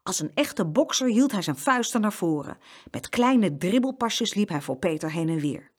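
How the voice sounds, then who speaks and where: Lively woman reading a children's story. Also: medium pitch, moderate pace, breathy edge. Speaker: narrator.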